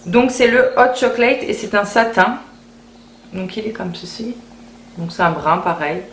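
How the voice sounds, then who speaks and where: Woman, casual beauty vlogger, chatty, self-correcting, mid-pitched, echoey room with faint hiss. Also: a little slow. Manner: chatty, repeats words while thinking. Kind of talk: casual haul video chat. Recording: roomy echo, faint background hiss.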